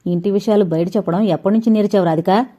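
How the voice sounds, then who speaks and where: A woman's voice: medium pitch, fast talker, lo-fi sound, close to an everyday voice. A woman voicing a stern, scolding elder sister. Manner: sharp, scolding.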